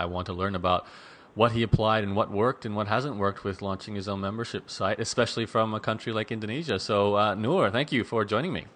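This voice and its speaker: A man's voice: lowish voice, fairly bright tone. A man hosting a podcast interview, talking in a conversational way with frequent "uh" fillers. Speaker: podcast host.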